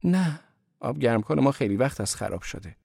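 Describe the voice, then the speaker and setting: A man's voice: mid-range voice, lively intonation, gravelly, a little mellow, slightly rough, no echo, studio quality, voice pushed up. A man voicing a devout, anxious young woman, speaking in a pleading, emotional way in a storybook reading.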